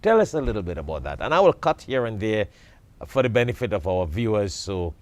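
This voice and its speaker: A man's voice: lowish voice, very animated, brisk. A man hosting a studio talk show interview, giving formal, effusive introductions and asking questions.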